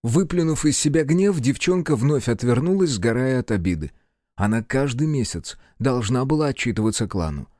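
A man narrating a novel chapter as an audiobook in steady storytelling. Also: medium pitch, moderate pace, no echo, clean studio sound.

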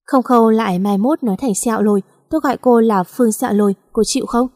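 A woman's voice: on the high side, quick pace, mellow, studio quality, close to an everyday voice. A woman voicing a bossy, teasing male company director who talks in a curt, mocking way. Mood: gruff. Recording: long echoing reverb.

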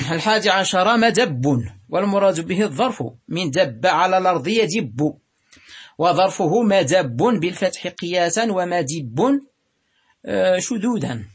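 Husky high-voiced man teaching Arabic grammar. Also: animated. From Morocco. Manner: slow and deliberate, drawing out words, with pauses and hesitations. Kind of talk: reading and explaining a grammar text.

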